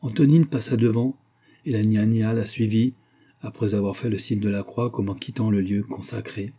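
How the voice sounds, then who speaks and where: A man narrating a classic novel as an audiobook, in a measured, dramatic storytelling manner with a husky voice. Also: lowish voice, steady tone, dark tone.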